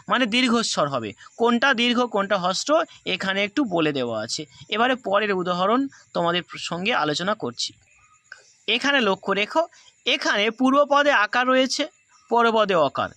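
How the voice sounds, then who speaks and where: Male teacher with a Bengali accent, very high and bright voice, patient step-by-step explainer. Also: no echo. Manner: patient, repeats each rule step by step. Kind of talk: grammar lesson explaining rules to students.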